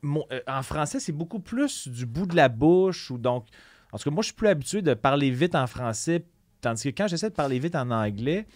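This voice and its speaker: A man's voice: a little high, big pitch swings, fairly quick, no room sound, clean studio sound. A man with a Québécois French accent co-hosting a podcast, reading listener questions and joking about himself. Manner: self-mocking, reads listener questions. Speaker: podcast co-host. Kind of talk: casual chat. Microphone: studio mic.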